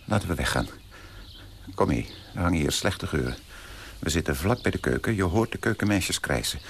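A man playing a pompous, prim young gentleman in a radio play, turning indignant and shrill when shocked. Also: animated, fairly quick, vocal fry, slight background noise. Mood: fussy.

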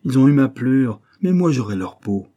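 A man's voice: medium pitch, very animated, moderate pace, dark tone, pitched above the performer's own voice. A man voicing a cocky young male street rascal in an audiobook, grumbling and indignant in slangy speech.

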